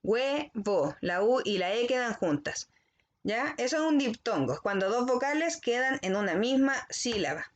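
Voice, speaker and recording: A woman teacher giving a recorded language lesson to children. She explains slowly and carefully and keeps checking in with the class. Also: fairly high pitch, big pitch swings, muffled recording, a little hiss or hum. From Chile.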